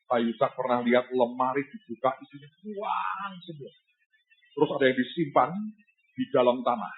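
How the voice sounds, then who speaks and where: A man preaching a sermon as a pastor, telling a story with lively asides to the congregation. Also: medium pitch, normal speed. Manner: lively storyteller who keeps addressing the congregation as "saudara". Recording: tinny phone-like sound.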